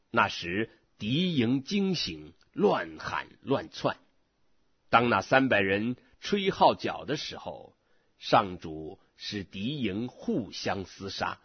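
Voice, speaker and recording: A man reading scripture aloud in a slow, measured way, from a dull lo-fi recording. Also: on the low side, slightly rough, no echo. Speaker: scripture reader.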